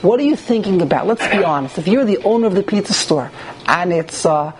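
Teaching a religious class to a group, a rabbi speaks a little fast in a high-pitched, animated voice. The informal lecture features repeated phrases and rhetorical questions, recorded live in a noisy room.

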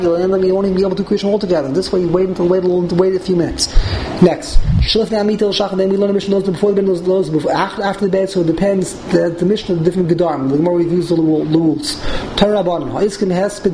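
A man's voice: sits high, mellow. A man teaching an informal Talmud class as a rabbi, repeating and rephrasing as he explains phrase by phrase. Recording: clearly noisy room recording.

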